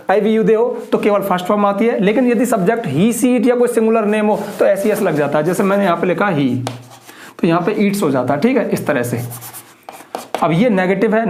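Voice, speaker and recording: Male grammar teacher, high-pitched, patient and repetitive, roomy classroom sound. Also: a little mellow. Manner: explains slowly, repeats and stresses points. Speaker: English teacher. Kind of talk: classroom-style grammar lesson. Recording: echoey room.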